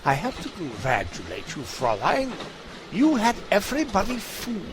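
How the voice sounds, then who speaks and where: Actor for Holmes: aloof, wry, slightly high voice, fan radio play with hiss. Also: male voice, huge pitch swings, moderate pace. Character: Sherlock Holmes, brilliant aloof male detective. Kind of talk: amateur audio drama.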